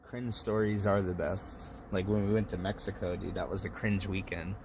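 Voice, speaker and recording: A man's voice: low-pitched, little pitch movement, normal speed, a little mellow, slight background noise. A man in his thirties hosting a livestream, telling rambling, profane stories while a little drunk. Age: 30s. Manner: loose, profane storytelling. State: tipsy. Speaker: livestream host. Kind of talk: casual rambling chat.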